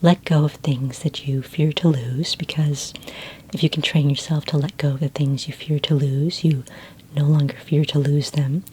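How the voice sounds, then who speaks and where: The ASMR librarian roleplay continues, with the woman's low voice staying soft, breathy and close to a whisper as she helps in a friendly, unhurried way. A little hiss or hum can be heard.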